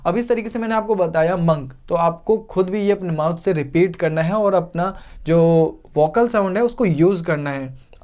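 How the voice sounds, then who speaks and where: A teacher with an Indian English accent gives a casual video pronunciation lesson, saying each word slowly and clearly more than once for learners. His voice sits high with a darkish tone, and the recording is lo-fi.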